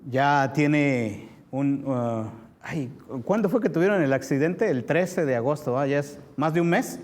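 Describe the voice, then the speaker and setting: A male pastor with a somewhat high voice delivers a sermon. He talks straight to his listeners, leaning slowly and firmly on key words and repeating them for emphasis. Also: expressive. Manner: emphatic preaching, slow repeated stresses, speaks straight to listeners.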